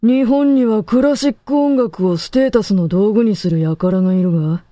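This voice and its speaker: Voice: medium pitch, normal speed, warm tone, no echo. A co-host who delivers stern, lecturing verdicts in short declarative sentences. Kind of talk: terse authoritative pronouncements.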